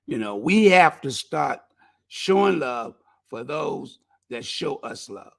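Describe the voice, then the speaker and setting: With a mid-range, creaky voice, a man takes his time promoting his community talk show, which he hosts solo. His tone is folksy and preacherly, full of animated urging, though his voice is wearing out.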